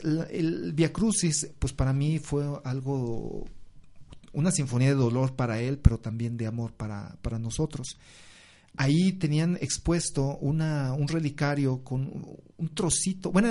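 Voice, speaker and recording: Devout man, mellow voice. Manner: reflective and devout, many filler sounds; acts out quoted speech with raised pitch. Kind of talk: personal religious testimony in conversation.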